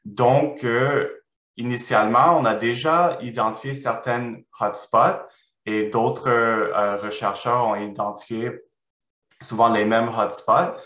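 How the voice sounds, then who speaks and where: A man with a foreign accent, a non-native French speaker, presenting research and answering questions haltingly as he searches for words. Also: medium pitch, steady tone, fairly bright tone. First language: not French. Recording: roomy, echoing sound.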